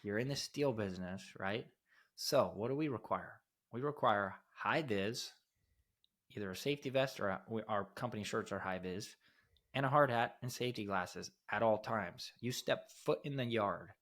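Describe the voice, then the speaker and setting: A man's voice: on the low side, normal speed, a bit bright. A man co-hosting a podcast who talks in a blunt, emphatic way, with some casual swearing. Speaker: podcast co-host, steel fabrication company owner.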